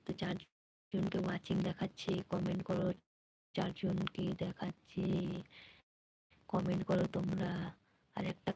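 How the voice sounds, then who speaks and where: A woman hosting a live stream from home at night, speaking softly and quietly and coaxing her viewers to comment and chat. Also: on the low side, completely flat delivery, unhurried, vocal fry, pauses often, a little hiss or hum, low-quality recording. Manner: speaks softly and quietly so a sleeping baby stays asleep.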